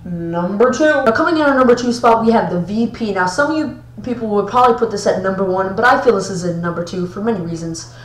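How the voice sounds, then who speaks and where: A woman talks through a ranked gaming list in an easygoing, rambling way, often stumbling and restarting her sentences. Her voice sits at an ordinary middle pitch. The room around her rings with noticeable echo. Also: expressive, quick pace. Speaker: gaming video host. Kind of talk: casual ranked-list commentary.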